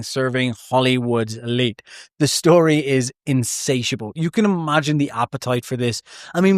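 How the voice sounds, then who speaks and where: A man's voice: mid-range voice, clean tone, no echo, studio quality. A man hosting a podcast, narrating a true story with chatty, jokey asides that often break off mid-thought. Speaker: podcast host.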